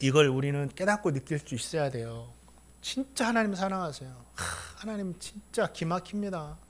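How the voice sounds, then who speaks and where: A middle-aged man preaching a sermon as pastor, asking his congregation questions and swinging from hushed, quiet talk to loud, impassioned appeals. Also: a little high, lively intonation, moderate pace. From Korea.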